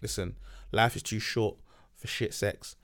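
A man's voice: lowish voice, fairly even intonation, unhurried, fairly bright tone. A man with a London accent talking candidly and casually on a podcast, full of slang and repeated emphasis. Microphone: podcast microphone.

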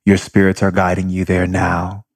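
Deep flat-voiced man guiding meditation. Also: dry recording, studio quality. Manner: slow, calm instructions. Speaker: meditation guide. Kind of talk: guided meditation.

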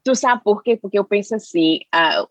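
A woman's voice: mid-range voice, animated, moderate pace. A woman co-hosting a podcast who explains her view in a thoughtful, step-by-step way in casual chat.

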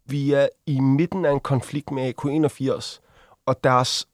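A man, a guest on an interview, telling a personal story casually, with halting restarts and vivid acted-out quotes. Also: mid-range voice, steady tone, dry recording, studio quality. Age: adult. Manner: vivid, acts out quoted voices while retelling.

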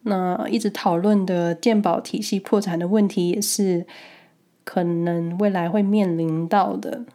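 A woman's voice: on the low side, fairly even intonation, measured pace, dark tone. A woman with a Taiwanese Mandarin accent and a nasal, stuffed-up voice, as if she had a cold, casually sharing personal experiences with listeners. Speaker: podcast host.

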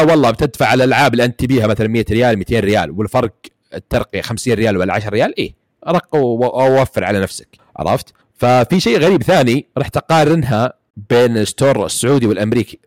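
A man's voice: medium pitch, animated, very fast, a little mellow, no room sound, clean studio sound. A man with a Saudi Gulf accent, chatting casually about games, rambling with many fillers and restarts. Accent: Gulf Arabic, Saudi. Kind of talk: casual gaming chat.

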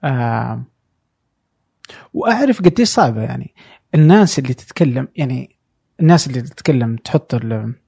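Fast-talking, gravelly man. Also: medium pitch, lively intonation, warm tone, dry recording, studio quality. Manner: halting, pauses to search for words. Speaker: podcast host. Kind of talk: casual interview conversation.

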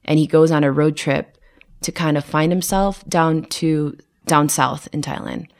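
Speaking a little slowly in a deep voice with fairly even intonation, a tired production designer who grew up in the United States chats casually in an interview, frequently laughing, restarting and using fillers.

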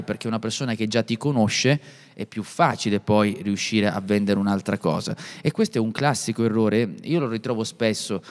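Stuffy-nosed man in a reverberant hall. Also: on the low side. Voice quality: congested, stuffy-nosed voice from a cold. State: has a cold. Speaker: podcast co-host. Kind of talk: casual unscripted podcast conversation. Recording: long reverberant hall echo.

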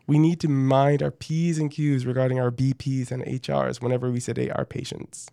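Male podcast co-host, gravelly mid-range voice, close dry sound, scripted lesson with folksy presenter touches. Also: mid-range voice, flat delivery, moderate pace, dark tone, no echo. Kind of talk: scripted educational podcast narration.

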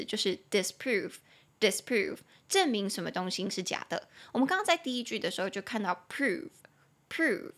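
A young woman with a Taiwanese Mandarin accent hosting a podcast English lesson, spelling words out letter by letter and repeating key words slowly with chatty, playful explanations. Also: mid-range voice. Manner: chatty, lively explanations with playful acted examples. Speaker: English teacher and podcast host.

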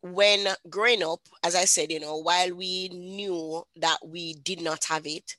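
A woman's voice: on the low side, fairly even intonation, measured pace, no echo. A woman from Jamaica with a Jamaican accent, a guest author telling her life story with lots of fillers. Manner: warm storytelling, many fillers. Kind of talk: casual interview talk.

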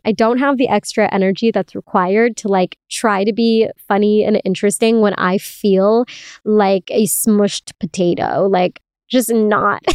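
Clear-voiced woman doing a casual solo podcast from inside her closet, confiding and giggly, super dry close sound. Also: mid-range voice, darkish tone, no echo. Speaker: podcast host. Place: inside a small closet with towels.

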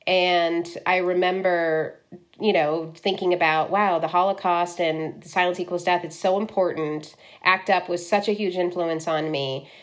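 A woman's voice: on the low side, steady tone, normal speed. A woman in her fifties from Ohio, a film director, talking frankly in an interview, with many fillers. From Ohio, US Midwest. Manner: frank, lots of likes and ums. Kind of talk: candid conversational interview.

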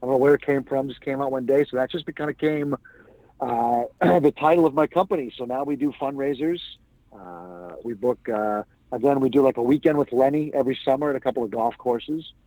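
A stand-up comedian from New England appears as a guest in a casual interview, spinning chatty anecdotes. His medium-pitched, mellow voice moves briskly, though the recording is dry and the audio poor.

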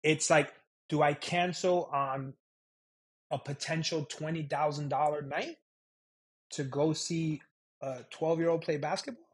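A middle-aged man with a husky, slightly high voice talks candidly as a guest on a podcast. He is a chef and business owner who speaks frankly, with a sarcastic edge, often circling back on his own phrases. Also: fairly even intonation, measured pace. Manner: frank, sarcastic, repeats himself with laughs. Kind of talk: candid conversational interview.

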